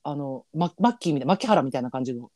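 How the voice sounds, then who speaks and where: Lively, excitable Kansai-accented man. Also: mid-range voice, no echo, clean studio sound. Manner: excitable, laughs often, quick reactions. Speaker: podcast co-host. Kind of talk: casual podcast chat.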